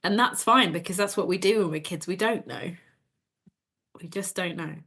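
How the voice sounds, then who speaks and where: Calm woman guiding a tapping session. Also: lowish voice, moderate pace, slightly rough. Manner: calm, gentle instructions, giving phrases to repeat. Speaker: EFT tapping practitioner.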